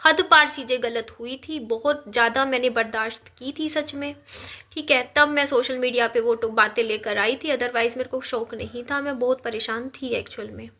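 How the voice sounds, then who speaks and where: A woman in her thirties speaks in a high, bright voice, but she is unwell and talks slowly and softly, as if worn out. It is a personal vlog recorded on a phone, addressed straight to her viewers. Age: 30s. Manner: slow, subdued, tired delivery. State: unwell and weak. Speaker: vlogger. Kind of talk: personal talk to camera.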